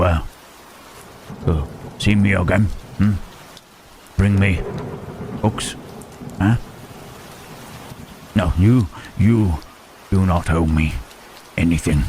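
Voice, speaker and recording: A man playing Frankenstein's monster as a lonely, gentle creature in intimate ASMR roleplay, halting and tender, with formal wording. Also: low voice, a little hiss or hum, full character voice. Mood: hesitant, shy. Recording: rain and thunder behind the voice. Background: rain and thunderstorm.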